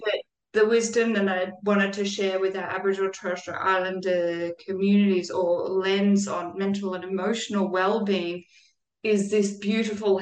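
Earnest woman in an echoey room. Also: medium pitch. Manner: earnest and reflective, with occasional laughs. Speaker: guest. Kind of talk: conversational interview.

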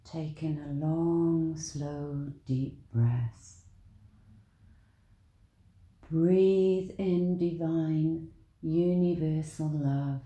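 Very slow, dark-toned woman guiding meditation. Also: low-pitched, echoey room. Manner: soothing, deliberate, with long pauses between short phrases. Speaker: guided meditation leader. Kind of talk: guided meditation narration.

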